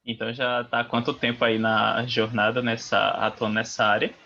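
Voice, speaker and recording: Bright-voiced male podcast host, lo-fi. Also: mid-range voice, level tone, normal speed, creaky. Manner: upbeat, informal questions. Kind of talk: casual interview hosting. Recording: dull lo-fi mic.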